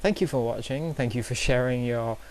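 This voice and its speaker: A man's voice: mid-range voice, moderate pace, a little mellow. A young man tells awkward stories to his camera in a chatty, self-deprecating way. He hedges with fillers and laughs at himself. A faint hiss sits under the recording. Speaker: vlogger. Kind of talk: casual storytelling vlog.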